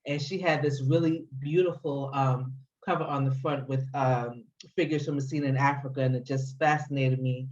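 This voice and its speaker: A woman's voice: a bass voice, steady tone, normal speed, hardly any pauses, a little mellow, highs cut off. A woman from the Bronx, New York, a guest poet answering interview questions, thoughtful and a little hesitant.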